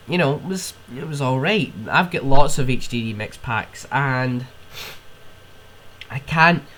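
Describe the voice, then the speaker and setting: A man's voice: mid-range voice, fairly bright tone, slight background noise. A young man with a cold, hosting a podcast on his own and ranting in rambling, casual chat, with sniffs and swearing. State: ill with a cold. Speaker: podcast host.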